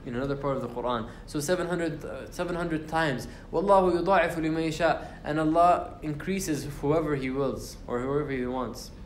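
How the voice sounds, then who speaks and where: This young man's voice is fairly high, and he talks rapid-fire with few pauses. He's leading a casual Quran class in a university lecture room, reciting Arabic verses between fillers and restarts. The room sounds roomy, with a little hiss or hum.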